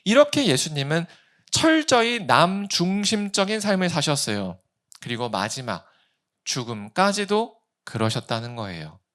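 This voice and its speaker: A man's voice: fairly high pitch, big pitch swings, measured pace, a bit bright. A male pastor in his thirties preaching a sermon, asking rhetorical questions and acting out quoted speech.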